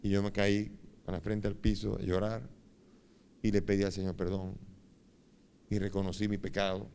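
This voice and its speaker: A man's voice: lowish voice, flat delivery, normal speed, darkish tone, slight background noise. A man in his fifties with a Dominican accent, a bishop teaching a Bible course who tells a confessional personal story and acts out its dialogue. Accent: Dominican Spanish. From Dominican Republic. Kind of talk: sermon-like Bible lesson with personal testimony.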